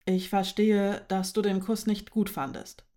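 A woman's voice: mid-range voice, flat delivery, unhurried, warm tone, lightly acted. A woman voicing Linoschka, a shy, dreamy young woman who speaks hesitantly and carefully.

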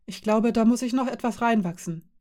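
A woman's voice: on the high side, brisk, mellow, voice pushed up, close to an everyday voice. A woman reading the lines of a curious, polite young woman who asks eager, apologetic questions.

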